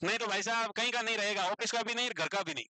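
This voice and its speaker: A man lecturing students in an animated way, firing rhetorical questions at the class. His voice is high and very bright, and he talks at a brisk clip. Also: no echo, low-quality recording. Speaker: teacher.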